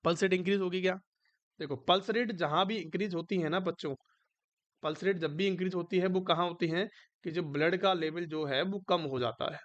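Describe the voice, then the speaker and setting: A man's voice: high-pitched, fairly bright tone, dry recording, lo-fi sound. A male nursing exam tutor giving an online lecture, who keeps asking students whether they have understood and mixes English medical terms into his Hindi. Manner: coaxing, repeatedly checks if students understood.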